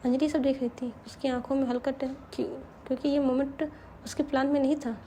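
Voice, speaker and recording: Hindi-accented woman narrator, high and flat, mellow, faint noise behind. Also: brisk. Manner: hesitant, with restarts and asides. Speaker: storyteller. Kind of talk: dramatic story narration.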